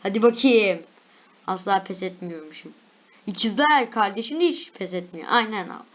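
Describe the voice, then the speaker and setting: Young woman vlogger, casual chatty reactions, mid pitch, slightly dull recording. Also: animated, brisk, a bit bright. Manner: chatty, reads lists aloud, laughs at herself.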